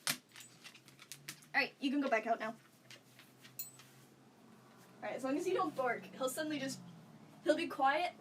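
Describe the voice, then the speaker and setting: A young woman livestreaming from a room at home, chatting casually with her viewers in a rambling way and laughing often. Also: sits high. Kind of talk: casual chat with stream viewers. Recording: slightly distant mic, faint background noise.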